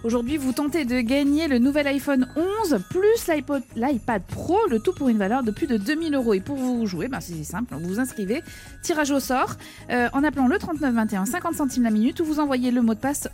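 A woman's voice: high voice, expressive, a little fast, darkish tone, faint music behind. A woman with a southern French accent presenting games and TV tips on a radio show.

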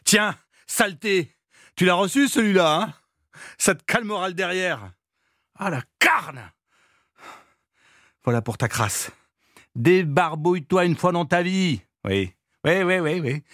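A woman's voice: extremely low pitch, slow, no echo, studio quality, pitched above the performer's own voice, heavily acted. A man voicing a furious young washerwoman who screams insults during a brawl, in a dramatic reading of a novel. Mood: taunting fury. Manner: shouted, raging taunts.

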